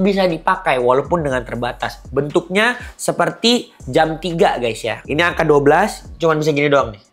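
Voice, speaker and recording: Animated young Indonesian man explaining rules. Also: high-pitched. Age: 20s. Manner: animated, gestures while explaining. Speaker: fight promoter reacting to comments. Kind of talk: casual vlog commentary.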